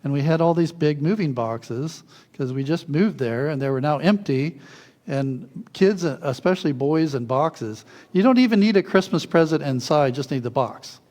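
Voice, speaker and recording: A man preaching a sermon, telling childhood stories in a lively way, often chuckling and acting out what people said. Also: fairly high pitch, normal speed. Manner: animated storyteller, chuckles often, acts out quotes.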